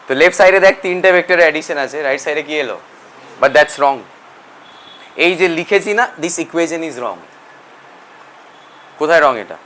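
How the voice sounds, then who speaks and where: Male teacher, Bengali accent, classroom lecture, quizzing style; sharp bright tone. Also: a little high, normal speed, long pauses, a little hiss or hum. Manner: mixes Bengali and English, quizzes students. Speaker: physics teacher.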